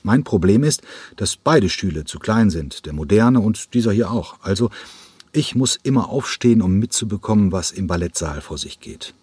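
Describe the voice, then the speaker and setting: A man's voice: lowish voice, lively intonation, normal speed, a little mellow, breathy edge, no room sound. A man reading an audiobook, voicing a driven male ballet director who talks in a pressing, emphatic, impatient way. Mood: playful, explaining.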